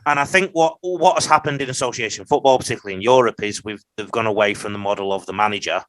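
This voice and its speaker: Low-voiced man musing at length. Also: very fast, a bit bright, dry recording, low-quality recording. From England. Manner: opinionated, rambling analysis. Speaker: podcast co-host. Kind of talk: casual podcast discussion.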